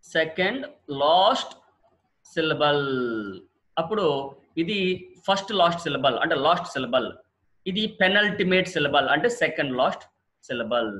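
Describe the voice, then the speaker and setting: Bright-voiced man drilling English stress rules. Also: a little high, lively intonation. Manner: repeats each example word twice, slowly stressing syllables; mixes Telugu explanation with English terms. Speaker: English teacher. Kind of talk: exam-prep lesson on word stress.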